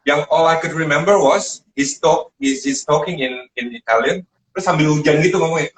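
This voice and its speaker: A man's voice: on the high side, normal speed, slight background noise, poor audio. Man animatedly telling kitchen stories. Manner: animated, acts out quoted voices while telling stories. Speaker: guest chef. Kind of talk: casual storytelling in a live chat.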